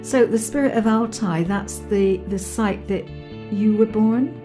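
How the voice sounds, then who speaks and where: A woman's voice: medium pitch, measured pace, faint music behind. A woman hosting a radio interview, introducing her guest and asking questions with gushing enthusiasm. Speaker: radio host.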